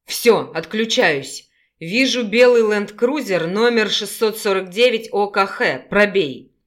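A gruff male werewolf lawyer, curt and irritable, as a woman reader puts him on. He talks bluntly in short, clipped phrases over the phone. Her pitch stays in a middle range for a woman. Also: lively intonation, a little slow, natural voice. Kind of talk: audiobook character voice.

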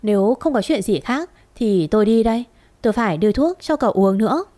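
A scheming young maid who turns tearful and stubborn to get her way, read by a woman storyteller. Her pleading lines rise a little higher and come faster. She whines and refuses in the same breath. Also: expressive, warm tone, no room sound, natural voice. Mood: evasive. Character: scheming young female servant, tearful and defiant. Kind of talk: storybook reading.

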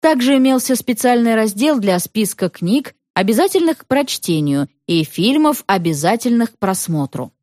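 Woman, storybook narrator, expressive reading, lively pitch, dry close-miked sound. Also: moderate pace, few pauses, no echo.

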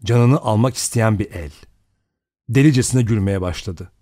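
A man narrating an audiobook dramatically, slowing and speeding for suspense. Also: on the low side, dry recording, studio quality. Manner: expressive, varies pace for suspense.

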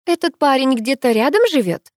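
A fussing, kindly older housekeeper, as a woman reader voices her, warm-hearted and folksy, raised in pitch with a sing-song lilt. The reading is dry and close. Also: expressive, moderate pace, dry recording. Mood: fussy kindly.

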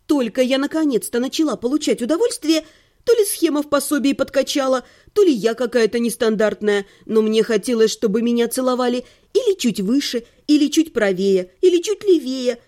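High, mellow-voiced woman narrating with ironic humor. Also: expressive, brisk. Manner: playful, ironic, theatrical exclamations. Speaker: audiobook reader. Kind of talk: first-person humorous audiobook narration. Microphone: home recording.

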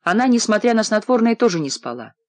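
A man reading a first-person novel aloud in a low, measured narrating voice. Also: very animated, no echo. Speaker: audiobook narrator. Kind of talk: scripted narration.

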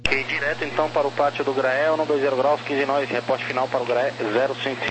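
Man, tower controller, quick-fire procedural delivery, average pitch, two-way radio, noisy channel. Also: level tone. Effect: two-way radio transmission. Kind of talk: rapid procedural clearances over radio.

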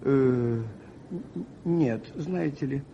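A man's voice: medium pitch, warm tone. Father Brown, a hesitant little priest. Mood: hesitant, polite. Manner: hesitant, halting, with polite stammering. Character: meek, bumbling little provincial priest, courteous and hesitant. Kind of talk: old radio play acting. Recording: muffled, noisy old radio recording.

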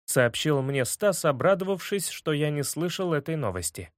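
A man narrating a children's audiobook in a lively, expressive storytelling manner. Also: on the high side, moderate pace, no room sound, clean studio sound. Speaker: audiobook reader.

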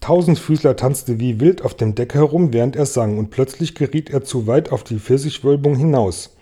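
Very dark-voiced man reading a storybook. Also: mid-range voice, moderate pace, breathy edge. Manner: expressive storytelling. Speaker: reader. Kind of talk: reading a children's book aloud.

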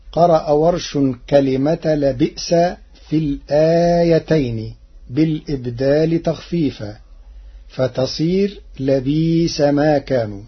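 A man giving a formal radio lesson on Quran reading, measured and deliberate, drawing out the words he quotes. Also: a little high, husky. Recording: dull lo-fi old radio broadcast.

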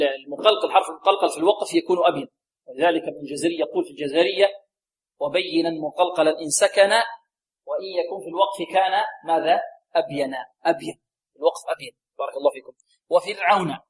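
A man's voice: high voice, husky. A man teaching Quran recitation to students, drilling letter sounds aloud and quizzing the class. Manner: drills sounds aloud, asks the class questions and repeats answers; often repeats a set blessing phrase to the students. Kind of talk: tajweed lesson to students.

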